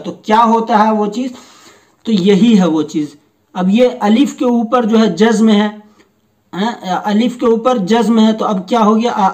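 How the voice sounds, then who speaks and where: A man teaching Quran reading, slowly reading each word aloud and patiently explaining the rules. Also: high-pitched, recorded from a distance. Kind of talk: slow step-by-step recitation lesson.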